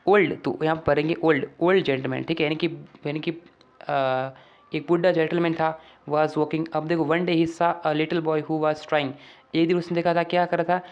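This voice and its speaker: A man walking students through an exam paper, asking rhetorical questions and reading English sentences out slowly. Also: fairly high pitch. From Rajasthan, India. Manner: keeps asking the class rhetorical questions, calls them friends. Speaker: teacher. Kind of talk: exam paper walkthrough lesson.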